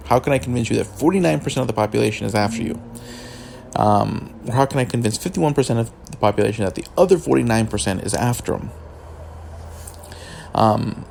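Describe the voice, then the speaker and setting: Groggy, slightly creaky male political commentator. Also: fairly low pitch, a little mellow, slight background noise. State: groggy, just woke up. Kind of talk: casual unscripted political commentary.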